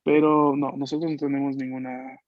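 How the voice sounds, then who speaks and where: A man teaching a French class online in Spanish, patiently explaining and slowly modeling words for his students. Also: medium pitch, little pitch movement, no echo. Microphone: video call. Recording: dull lo-fi video call audio.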